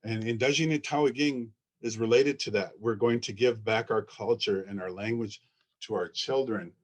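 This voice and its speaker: A man presenting his school at a conference, earnest and excited, often repeating words as he talks through his slides. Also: on the low side, normal speed. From Ojibwe, from Minnesota.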